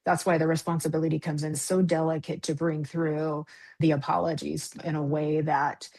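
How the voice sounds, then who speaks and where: A woman with a low voice and a gravelly edge talks earnestly as a guest medium. She is reflective, and she laughs easily between her thoughts. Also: level tone, moderate pace, darkish tone. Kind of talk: casual podcast conversation.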